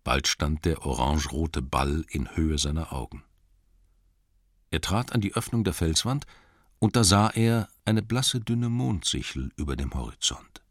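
A man with a very low voice reads a story aloud, slow and deliberate, letting tense passages rise and quiet ones sink nearly to a whisper. The sound is close and dry, without any room echo. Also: animated. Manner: slow, deliberate, with dramatic rises and hushed drops. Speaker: audiobook narrator. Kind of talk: scripted narration.

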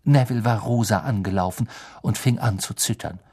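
A man narrating a children's novel in an expressive storytelling manner. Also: fairly low pitch, a little fast. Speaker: audiobook reader. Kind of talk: scripted narration.

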